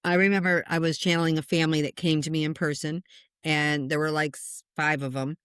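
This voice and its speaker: A middle-aged woman, a spiritual medium, answering interview questions in an animated storytelling way, acting out what people said. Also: low-pitched, brisk, clean tone, dry recording, clean studio sound.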